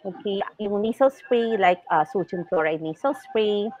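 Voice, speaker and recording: A woman's voice: medium pitch, measured pace, a little mellow, no room sound. A woman ENT doctor, a guest on a health talk show, explaining things patiently in a mix of English and Tagalog.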